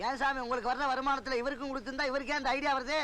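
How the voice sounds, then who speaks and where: An actor playing a naive, eager comic sidekick who keeps asking questions. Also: male voice, extremely high pitch, level tone, rapid-fire, sharp tone, slight background noise.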